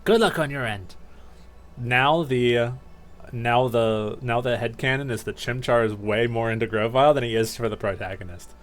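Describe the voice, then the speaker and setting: A man streaming a video game, chatty and excitable as he comments on the story. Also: medium pitch, moderate pace. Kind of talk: casual let's-play commentary. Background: faint game music.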